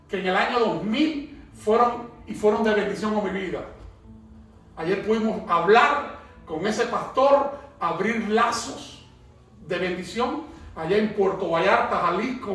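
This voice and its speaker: A middle-aged pastor with a strikingly high voice preaches in a church, urging the congregation to repeat his phrases back to him. His voice rings through a very echoey hall, picked up from well away from the microphone. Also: a bit bright. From Cuba. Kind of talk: sermon with call-and-response. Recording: echoey hall, voice far from mic.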